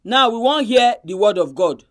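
A woman's voice: mid-range voice, animated, normal speed. Nigerian Pidgin-speaking woman presenting, over music. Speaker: radio programme host.

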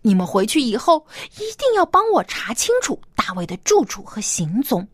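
A woman's voice: a little high, big pitch swings, moderate pace, slightly rough, no echo, clean studio sound. A woman voicing a scheming, falsely pious king in a children's Bible story, with a hypocritical, gracious manner. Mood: false sweetness, urging.

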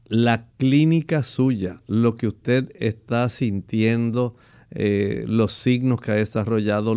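A man, a doctor, answering callers' questions in a measured, formal, explanatory way. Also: fairly low pitch, darkish tone, clear, resonant tone. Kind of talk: radio medical advice.

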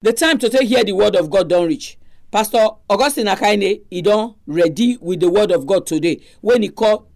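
A woman's voice: mid-range voice, lively intonation, normal speed, gravelly, darkish tone. Nigerian woman hosting radio, music behind. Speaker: radio program host. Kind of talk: radio presenting and exhortation.

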